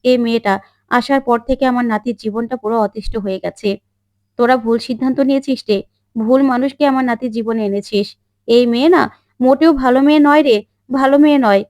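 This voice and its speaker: A woman's voice: fairly high pitch, brisk, a little mellow, no room sound, lightly acted. A woman voicing a disapproving old great-aunt who scolds the family. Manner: scolding, insistent.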